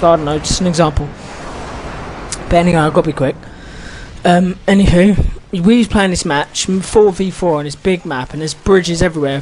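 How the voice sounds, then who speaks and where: A gaming channel host rants casually about an online match, swearing a lot and rambling with many restarts as he gets heated. His voice is on the high side, with a little hiss or hum in the recording.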